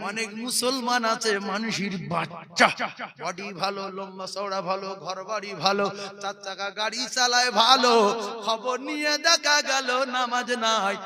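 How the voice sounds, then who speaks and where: A man preaching an Islamic sermon, swinging between loud sing-song chanting and hushed storytelling, and firing rhetorical questions at his listeners. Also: sits high, fairly even intonation, moderate pace. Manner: fires rhetorical questions at the audience.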